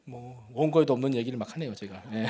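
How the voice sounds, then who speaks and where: A middle-aged male pastor giving a sermon in a church, telling stories about his own family in a conversational, self-deprecating way, rising to loud emphatic peaks and dropping to soft, confiding murmurs. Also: medium pitch, moderate pace, husky. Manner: swings between loud emphatic build-ups and soft, quiet confiding. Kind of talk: sermon with personal storytelling. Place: church sanctuary.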